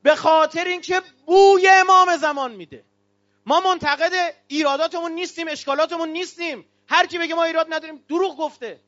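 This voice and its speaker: A man from Iran giving an impassioned political speech to an audience, fiery and declamatory, with bursts of shouting. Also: extremely high pitch. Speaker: speaker addressing an audience. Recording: dull lo-fi recording.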